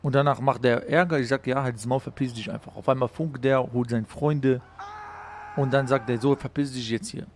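A man's voice: medium pitch, fairly even intonation, brisk, close to an everyday voice. A man playing a brash young street tough. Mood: indignant. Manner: slangy, swaggering, retelling a quarrel. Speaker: role-play streamer. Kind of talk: street role-play in a crime game.

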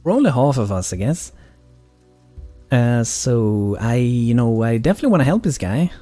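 A man streams a video game with casual, rambling commentary. His voice is mellow and medium in pitch, and he often repeats words for emphasis. Quiet music plays underneath. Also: animated, moderate pace. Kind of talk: casual live gameplay commentary.

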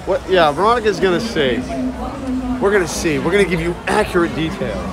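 A man live-streams while walking, talking loudly and casually to his viewers and chat, first outdoors in a busy shopping area and later indoors. His voice is a little high, expressive, and fairly quick. The handheld phone audio picks up crowd chatter.

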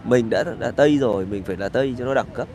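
A fast-talking middle-aged man with a medium-pitched, slightly mellow voice records a casual street vlog rant, sarcastic, crude and rambling, with plenty of swearing. Slight background noise is audible.

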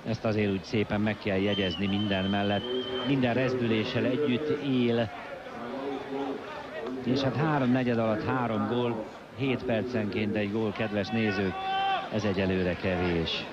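Excited Hungarian male sports commentator over crowd roar. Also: fairly low pitch. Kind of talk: live water polo match commentary. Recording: dull broadcast, loud pool crowd noise. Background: noisy outdoor pool crowd.

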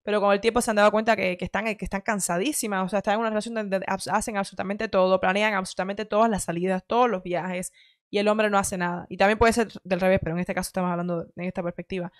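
Here a host in her thirties reacts to clips with casual commentary, her light Cuban Spanish accent reflecting her roots in Cuba. She's fast, talkative and opinionated, catching and fixing her own words often. The medium-pitched, fairly evenly intoned voice is captured with no room sound via headset and arm-mounted studio mic, in a home studio room with shelves.

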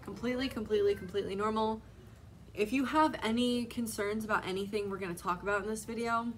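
A woman's voice: medium pitch, a bit bright, slight background noise, rough recording. A young adult woman talking casually to camera as a vlogger, speaking frankly and reassuringly and saying "like" a lot. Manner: frank and reassuring, heavy use of "like". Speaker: vlogger, pregnant mother.

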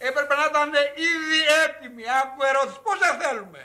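A brash, shrill repairman boss. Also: expressive, pushed and bright, exaggerated voice. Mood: bossy scolding. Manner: brash, barking orders and name-calling. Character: bossy male repairman who insults his helper. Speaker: tradesman fixing a roller shutter. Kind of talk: 1980s comedy film acting.

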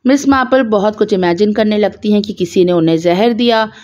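A woman's voice: medium pitch, brisk. Woman retelling a mystery, slightly muffled. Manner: relaxed retelling with explanatory asides. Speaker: storyteller. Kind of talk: conversational story summary.

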